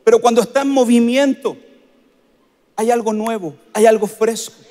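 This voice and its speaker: A man's voice: extremely high pitch, steady tone, moderate pace, dark tone. Man, pastor, repeats lines for emphasis, long hall echo. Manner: emphatic preaching, repeats phrases for stress. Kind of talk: sermon.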